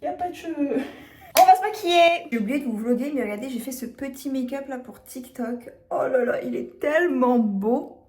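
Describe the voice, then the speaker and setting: A woman's voice: high-pitched, a little fast, a little mellow. Chatty young woman vlogging on her phone. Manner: chatty, self-mocking, trailing off with hesitations. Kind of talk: casual vlog chat. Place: apartment rooms and city streets. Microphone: phone held at arm's length. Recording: echoey phone audio with faint hum.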